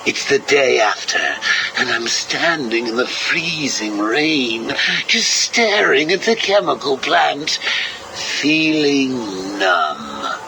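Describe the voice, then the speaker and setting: An actor playing a manic, mocking villain clown, heard played back from an old interview tape. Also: male voice, mid-range voice, big pitch swings, slow, vocal fry, heavily acted. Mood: sardonic. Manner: sarcastic, sing-song, cackling. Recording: hissy cassette tape recording.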